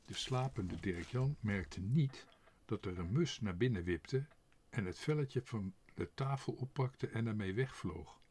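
A man narrating a children's storybook in an expressive, animated way. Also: fairly low pitch, measured pace, breathy edge. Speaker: audiobook narrator.

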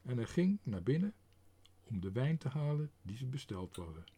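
A man reading a children's story aloud, expressive and unhurried. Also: mid-range voice, husky.

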